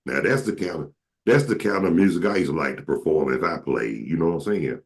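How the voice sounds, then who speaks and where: An Atlanta, Georgia show host with a very deep voice keeps a casual chat going, a little fast and expressive, joking, telling stories and slipping into comic impressions.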